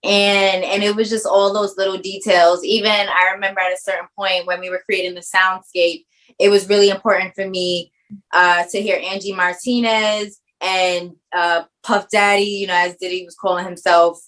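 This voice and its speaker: A woman's voice: mid-range voice, flat delivery, normal speed, a bit bright, poor audio. A woman filmmaker with a Caribbean background who grew up in New York, answering interview questions in a reflective, earnest way. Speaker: filmmaker guest.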